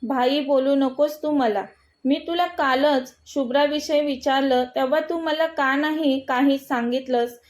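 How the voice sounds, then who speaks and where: A woman's voice: sits high, steady tone, unhurried. A woman voicing a hot-tempered young man who speaks sharply and demandingly. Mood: angry.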